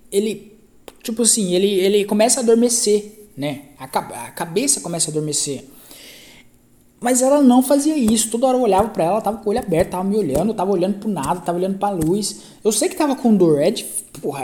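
A man with a Brazilian Portuguese accent talks through a story on his own podcast, loose and slangy. He circles back, corrects himself and repeats phrases as he goes. His voice has a soft, mellow tone. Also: high-pitched, animated, a little fast. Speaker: podcast host. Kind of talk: casual podcast storytelling monologue.

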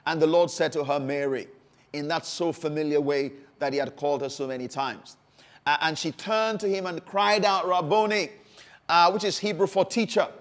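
A man's voice: on the high side, fairly even intonation, a little fast. A man preaching a sermon, stressing phrases by repeating them, with frequent fillers and restarts.

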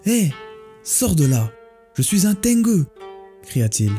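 A man's voice: medium pitch, animated, moderate pace, warm tone, soft background music, lightly acted. A man voicing a young trickster who poses as a mountain goblin, giving haughty commands. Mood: commanding.

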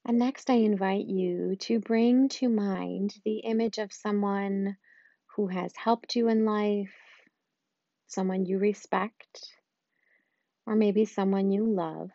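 A woman guiding a loving-kindness meditation in a slow, soft and soothing way, with long pauses. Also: mid-range voice, fairly even intonation, dry recording, dull audio. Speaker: meditation guide.

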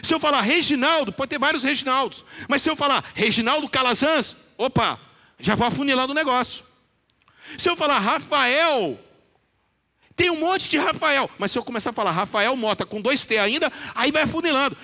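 High-voiced, bright male preacher in a reverberant church. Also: expressive. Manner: preaches with rising emphasis, quoting scripture with slow deliberate phrasing. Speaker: pastor. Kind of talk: sermon. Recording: long reverb of a church hall.

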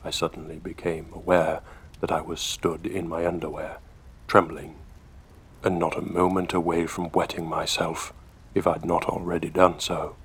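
A man hosting a horror story podcast, narrating a scripted tale in a measured, hushed way. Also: low voice, little pitch movement, breathy edge. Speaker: host and storyteller.

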